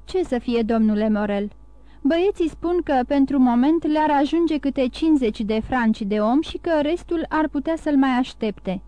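A woman's voice: sits high, expressive, mellow, no echo. A woman voicing a blunt, loyal old sailor. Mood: earnest. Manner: plainspoken and earnest.

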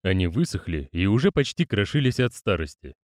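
Expressive male audiobook narrator. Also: deep voice, a little fast, dry recording, clean studio sound. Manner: expressive, storytelling delivery. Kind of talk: scripted narration.

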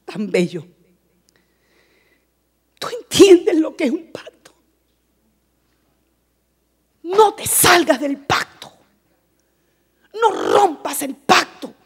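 A woman preaching a fervent sermon, with emphatic repeated phrases, who swings from soft asides to shouted exhortation. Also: very high-pitched, animated, takes it slowly, long pauses.

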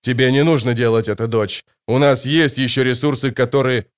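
A man's voice: mid-range voice, fairly even intonation, brisk, smooth, natural voice. A man voicing a proud, indignant male emperor with a grating, haughty delivery.

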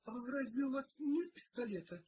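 A man reading aloud and voicing a nervous, timid young maid in a high voice. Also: expressive, moderate pace, background noise.

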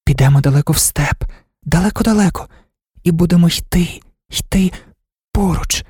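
Male reader voicing a impulsive young woman in love for an audiobook, lifted pitch, husky and dry. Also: normal speed, a little mellow, no room sound. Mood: dreamy eager. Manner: eager, breathless, tender. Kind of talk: audiobook reading.

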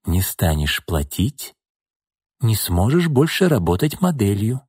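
Man playing a storybook pimp, sneering, menacing, husky, dry. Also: big pitch swings, measured pace, a little mellow, no echo, full character voice. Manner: sneering, mocking, low menacing threats. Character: menacing smug middle-aged pimp and thug.

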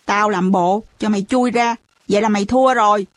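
A woman's voice: medium pitch, fairly even intonation, brisk, no echo, lightly acted. A woman voicing a cheeky, mischievous young boy who talks in a brash, bossy way.

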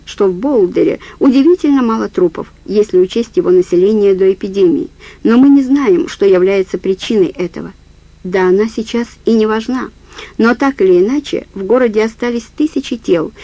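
Woman narrating a horror audiobook, dark tone. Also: medium pitch, animated, moderate pace, dry recording, dull audio. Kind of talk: scripted narration.

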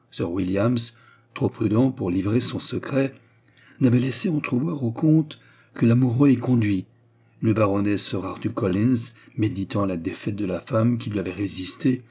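A man with a lowish, breathy-edged voice narrates a classic novel as an audiobook, reading in a measured, even manner.

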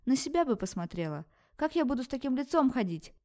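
A woman's voice: very animated, quick pace, a little mellow. A woman voicing a brash, spiteful young werewolf woman who shrieks her complaints in an audiobook. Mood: shrill, indignant. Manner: shrill indignant shrieking. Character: brash young she-wolf brunette, shrill and spiteful.

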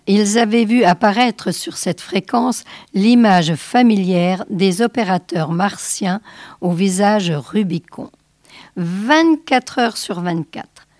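A woman reading a science fiction novel aloud in a measured, expressive way. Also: medium pitch, no echo, clean studio sound. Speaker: reader.

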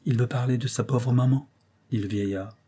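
A man's voice: medium pitch, fairly even intonation, normal speed, dark tone, husky, natural voice. A man voicing a whining, self-pitying old grandfather in an audiobook, complaining and ingratiating.

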